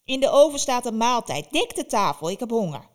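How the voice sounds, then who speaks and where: A woman voicing a cruel old witch who mocks and threatens in slow, drawn-out words. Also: on the high side, big pitch swings. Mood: menacing.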